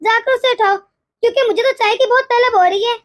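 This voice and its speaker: Woman voicing a shrill, scolding cartoon mother-in-law. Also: a little fast, no room sound, clean studio sound. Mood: grumbling. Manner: shrill complaining taunts. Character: scolding middle-aged mother-in-law, short-tempered and self-pitying. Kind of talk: animated cartoon dialogue.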